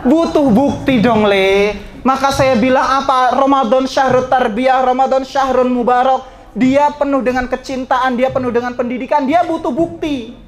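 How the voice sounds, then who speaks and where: Teasing ustadz preaching. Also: male voice, very high voice, steady tone, normal speed, a little hiss or hum. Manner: swings between shouting and soft asides, teasing jokes. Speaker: ustadz teaching students. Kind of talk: lively religious talk to students.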